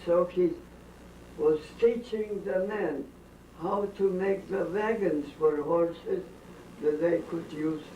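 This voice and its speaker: At a family dinner gathering in her home, an older woman from Bukovina, then Austria, rambles through family stories in a voice on the low side. Her slow, halting telling drifts off topic and carries strongly held, blunt views. The recording is a distant, roomy, dull lo-fi home tape with faint hiss.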